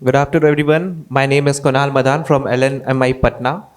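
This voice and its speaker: A man's voice: mid-range voice, fairly even intonation, fast talker. A young man, an earnest quiz contestant. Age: young adult.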